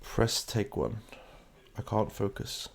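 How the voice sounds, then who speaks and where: A gravelly, lowish male voice with lively intonation takes its time. It belongs to a streamer from London with a British accent who chats and rambles casually about the game, fielding viewer questions while playing.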